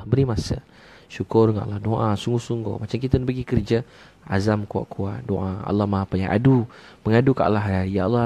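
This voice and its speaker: A Malaysian man preaching and answering viewer questions live, in a gentle, repetitive way with drawn-out pleading phrases. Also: lowish voice, vocal fry. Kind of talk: live-streamed Q&A sermon.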